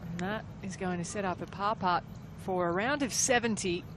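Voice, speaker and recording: Woman, golf commentator, medium pitch, conversational live TV coverage, clear outdoor noise behind. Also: normal speed. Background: outdoor ambience.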